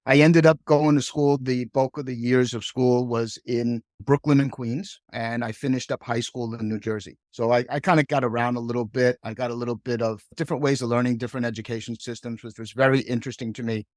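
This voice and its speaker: A man's voice: mid-range voice, fairly even intonation, a little fast, hardly any pauses, darkish tone, no room sound, studio quality. A middle-aged man from Hong Kong, a podcast guest, telling his career story in a chatty way and tagging many sentences with "right?". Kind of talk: casual storytelling.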